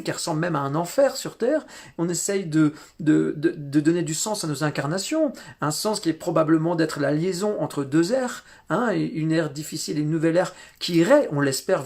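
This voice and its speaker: A man giving a spiritual teaching talk, halting often with repeated words and fillers. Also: a little high.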